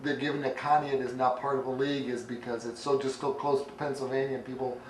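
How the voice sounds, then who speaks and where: A man's voice: medium pitch, level tone, quick pace, echoey room, recorded from a distance, slight background noise, low-quality recording. A man hosting a morning interview show, asking loose, rambling questions.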